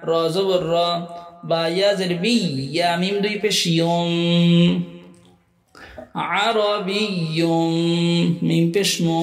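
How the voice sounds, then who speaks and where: A male Quran teacher giving an Arabic reading lesson. He spells each word letter by letter and then chants it slowly. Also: sits high, fairly even intonation. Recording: echoey room with faint music.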